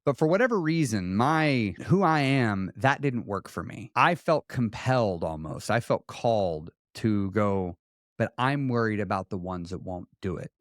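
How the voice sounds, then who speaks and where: Animated man telling his story. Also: lowish voice, measured pace, no echo, clean studio sound. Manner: animated, acts out quoted dialogue, frequent restarts. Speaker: weight loss coach, podcast guest. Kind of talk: conversational interview storytelling.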